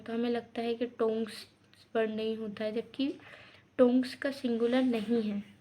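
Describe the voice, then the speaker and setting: Mellow-voiced woman teaching grammar step by step. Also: a little high, a little hiss or hum. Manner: explains step by step with frequent checks. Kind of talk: English grammar lesson.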